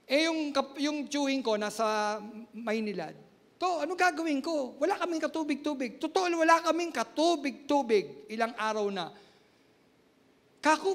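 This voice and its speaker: A male pastor telling a personal story in a sermon, animated and laughing at himself as he acts out what people said. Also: very high voice. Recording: long reverb of a large hall.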